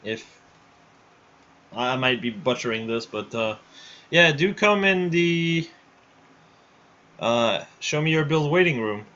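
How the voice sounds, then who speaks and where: A man's voice: medium pitch, expressive, takes it slowly, pauses often, bright, forceful tone. A man hosting a live stream over his headset mic, talking casually and rambling with frequent restarts. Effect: livestream headset mic audio. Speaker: livestream host running a build showcase. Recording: dull lo-fi stream audio.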